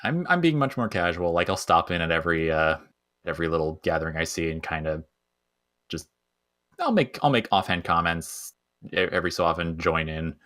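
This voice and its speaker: A man chatting as a player in a tabletop game, easygoing and halting. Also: low voice, expressive, bright, forceful tone. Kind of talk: tabletop role-play chat.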